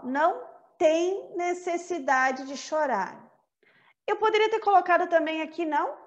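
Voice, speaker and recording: A woman whose first language is Portuguese, with a Brazilian accent, teaching an online English lesson, switching between English and Portuguese and reciting lines slowly. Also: high voice, muffled recording. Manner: slow, carefully paced recitation.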